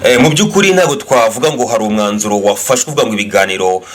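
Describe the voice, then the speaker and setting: A man interpreting an interview for a channel, briskly restating each answer. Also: on the low side, heavy background noise.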